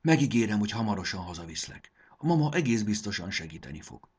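A man's voice: lowish voice, sing-song, darkish tone, husky, pitched above the performer's own voice, full character voice. A man voicing a brave, homesick young boy who speaks earnestly in a storybook reading.

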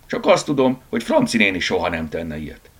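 A man's voice: sits low, very animated, slightly rough, heavily acted. A man voicing a bold, determined house cat who talks firmly, often in a whisper. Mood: brisk.

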